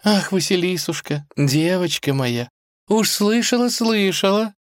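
A man's voice: high voice, expressive, measured pace, no room sound, clean studio sound, voice pushed up. A man voicing a fussy, kindly older female palace cook who laments in a singsong way. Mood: fussing.

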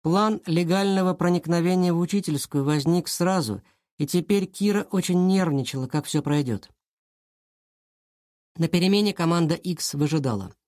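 A reader narrating a children's school detective story in an even, lightly dramatic way. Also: medium pitch, normal speed, no room sound, clean studio sound. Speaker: audiobook reader.

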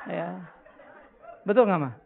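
A middle-aged man, a pastor preaching and taking questions, blunt and joking, swinging between loud outbursts and quiet confession. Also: high voice, lively intonation, measured pace, vocal fry. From North Sumatra, Indonesia. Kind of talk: sermon with audience Q&A. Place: church hall before a congregation. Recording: tinny lo-fi phone-like recording.

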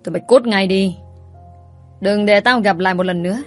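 A woman reading a story, voicing a tough, hot-tempered young man who talks loud and threatening. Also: mid-range voice, fairly quick, faint music behind, lightly acted.

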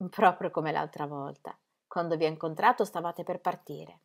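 A woman's voice: low voice, moderate pace, gravelly. A woman reading the part of an earnest, anxious young pastor's wife with breathless, gushing emphasis. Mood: eager.

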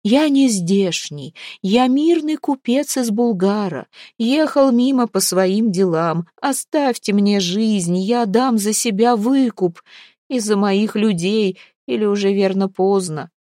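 A woman voicing a panicked middle-aged foreign merchant who begs loudly and drawn-out for his life. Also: mid-range voice, dry recording, clean studio sound, natural voice. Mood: eager persuading. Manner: wailing, begging, drawn-out pleading.

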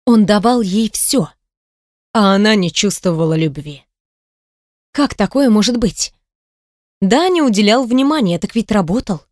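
A woman narrating a novel with an even, measured delivery. Her voice sits at a middle pitch. The recording is close and dry. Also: no echo. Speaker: audiobook narrator. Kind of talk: scripted narration.

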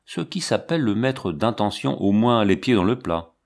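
Stern stiff army count, short clipped lines, lowish, as a man reads him. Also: expressive, normal speed, darkish tone. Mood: curt. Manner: brusque, clipped. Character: stiff, curt military count, cold and stern.

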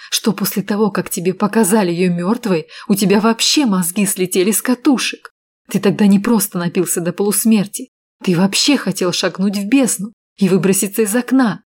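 A woman reading a calm scheming woman. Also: medium pitch, breathy edge, lightly acted. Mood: cold, insistent. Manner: calm, measured, insistent. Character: cool, calculating woman, steady under pressure. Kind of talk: audiobook reading.

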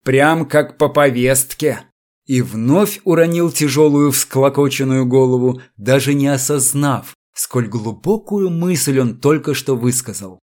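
A man narrating an audiobook in an expressive storytelling manner. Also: mid-range voice, unhurried, few pauses. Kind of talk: scripted narration.

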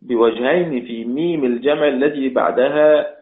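A man's voice: medium pitch, normal speed. A man teaching a religious lesson, asking questions aloud and repeating each point for emphasis. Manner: asks questions then answers them. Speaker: Quran recitation teacher. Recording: echoey tinny phone-like sound.

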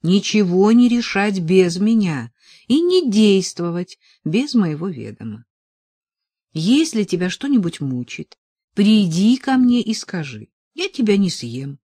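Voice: mid-range voice, sing-song, measured pace, dark tone, breathy edge, dry recording, studio quality. A reader voicing a commanding, wealthy man who reasons insistently with his lover, in audiobook dialogue. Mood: earnest.

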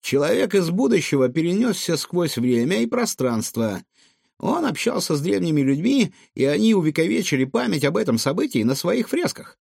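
A man voicing a small, clever, excitable male raccoon in a squeaky, eager voice for a storybook. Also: moderate pace, creaky, slightly rough, no room sound, clean studio sound, full character voice. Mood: curious.

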